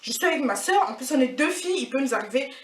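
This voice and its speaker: Young woman, casual storytime, indignant and animated, slightly high voice, roomy distant sound. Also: quick pace. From France. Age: 20s. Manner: indignant, animated, repetitive slangy retelling. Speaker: vlogger. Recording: echoey room, mic at a distance.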